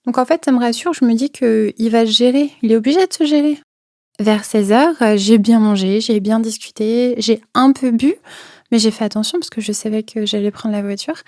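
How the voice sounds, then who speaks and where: A woman's voice: on the high side, normal speed, darkish tone, dry recording, studio quality. A young woman recounting a personal experience, hesitant, with many fillers and repeated words, sometimes dropping to a near whisper. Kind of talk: personal testimony.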